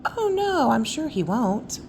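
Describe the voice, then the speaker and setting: A woman's voice: high voice, sing-song, takes it slowly, vocal fry, noisy background, pitched above the performer's own voice, full character voice. A woman playing a cheerful, hospitable old Santa, eager and reassuring, in a children's storybook reading.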